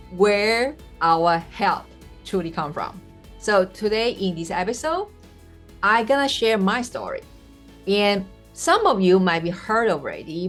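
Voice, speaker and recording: Her story comes out earnestly, broken up by many "uh" pauses, as she hosts her own podcast in a personal storytelling monologue. The woman, a native Mandarin speaker from Taiwan, has a Taiwanese Mandarin accent and a medium-pitched voice.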